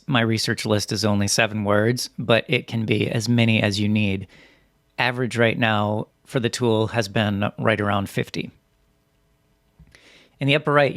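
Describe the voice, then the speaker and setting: A man reading scripted instructional narration as a software tutorial presenter, in a methodical, step-by-step way. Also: fairly low pitch, no echo, studio quality.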